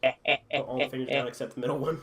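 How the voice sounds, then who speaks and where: A teenage boy rambles through a crude school story, swearing freely and cracking himself up. His voice sits at an ordinary pitch, and the room is echoey with a faint hum behind him. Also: flat delivery, fast talker, a bit bright. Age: teens. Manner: profane, rambling, laughs at own stories. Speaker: podcast host. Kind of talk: casual storytelling chat.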